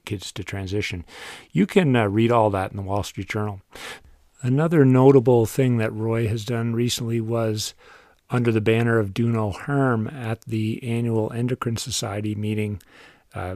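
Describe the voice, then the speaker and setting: A man with a Cape Breton Canadian accent hosting a podcast in a conversational way, pausing as he phrases things. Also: fairly low pitch, a little mellow, no echo, clean studio sound. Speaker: podcast host. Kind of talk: conversational podcast introduction and interview.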